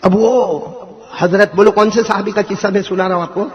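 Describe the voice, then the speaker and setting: High, gravelly man telling a story to children. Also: lo-fi sound, some chatter behind. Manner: lively, calls on listeners to answer back. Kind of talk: animated storytelling to a young audience.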